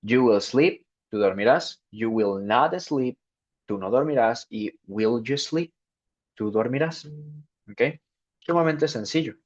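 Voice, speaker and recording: A man's voice: medium pitch, lively intonation. A man giving a spoken English grammar lesson, explaining step by step and checking in with "ok" after each point. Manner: slow, repeats "ok" to check understanding. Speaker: English teacher. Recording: dull lo-fi sound.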